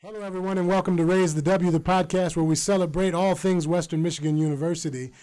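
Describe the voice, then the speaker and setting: A middle-aged man hosting a university podcast interview, enthusiastic and quick to laugh. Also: sits high, fairly even intonation, dark tone. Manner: enthusiastic, exclaims "wow" often, laughs easily. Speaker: podcast host. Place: university audio studio.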